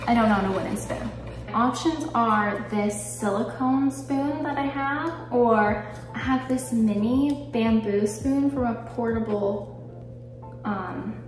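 Her voice sits a little high as this young lifestyle vlogger in her twenties bakes at home, chattering away and making self-deprecating jokes mid-recipe. The audio comes from a camera resting on the counter a few feet off, so the kitchen sounds roomy and the mic distant, with music playing underneath.

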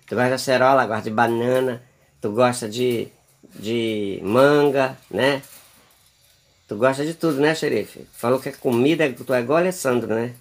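A man's voice: medium pitch, normal speed. A man from Brazil filming a casual home video, talking to his pets in a coaxing, sing-song way, with asides to viewers. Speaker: vlogger.

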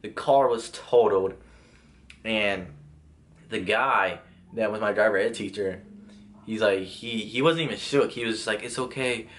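A man's voice: fairly low pitch, a little slow, long pauses, fairly bright tone, slight background noise. A young man casually telling a personal story, rambling with restarts and lots of filler words. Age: young adult. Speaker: vlogger.

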